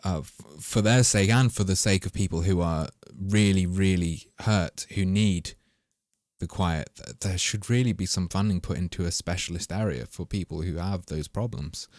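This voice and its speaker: Rambling low-voiced man, dry sound. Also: normal speed, darkish tone, dry recording. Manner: rambling, wry and profane. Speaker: gaming commentator. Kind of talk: casual commentary over gameplay.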